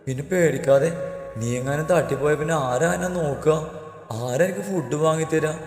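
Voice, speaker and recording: A man voicing a timid young woman in love, speaking soft and hesitant, in a storybook reading. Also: mid-range voice, steady tone, normal speed, reverberant, long reverb tail, faint music behind, voice pushed down, close to an everyday voice.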